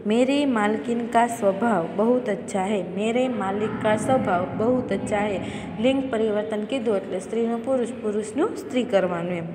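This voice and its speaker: A woman's voice: mid-range voice, a little fast. A woman from Gujarat teaching a class. She reads each line aloud, then patiently explains it again in plain words. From Gujarat, India. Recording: echoey room with long reverb and faint hiss.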